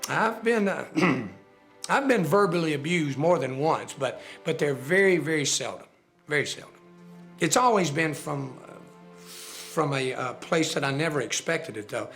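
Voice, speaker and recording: A plainspoken man speaks in a slightly raised, folksy voice and stumbles through filler words as he thinks aloud. Soft background music runs faintly under his voice. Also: a little high, lively intonation, measured pace. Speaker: Lincoln presenter. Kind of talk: documentary interview.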